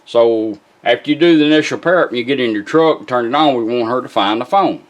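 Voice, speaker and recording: A man with a mid-range voice talks at a quick pace while demonstrating a product hands-on. His manner is folksy and informal, and he even talks to the gadget as he goes.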